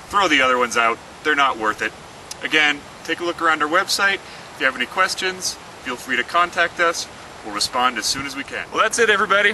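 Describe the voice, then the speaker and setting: A man, the inventor, presenting and demonstrating his product in an earnest pitch, talking through each movement. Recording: slightly distant mic, faint outdoor noise.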